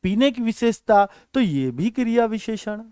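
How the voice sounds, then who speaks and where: A Hindi teacher gives an exam-prep grammar lesson in a high, sing-song, mellow and smooth voice at a moderate pace. He calls his students children and often asks checking questions to make sure they follow. The recording is dry with clean studio sound.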